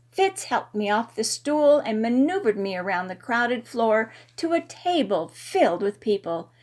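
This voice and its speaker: A woman narrating a first-person story in an expressive, playful way. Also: on the high side.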